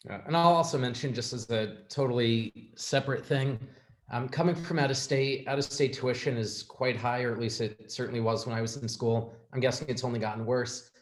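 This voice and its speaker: A man on an alumni panel, recalling his student years in a measured way with small hesitations. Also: mid-range voice. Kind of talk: reflective panel talk. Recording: echoey room.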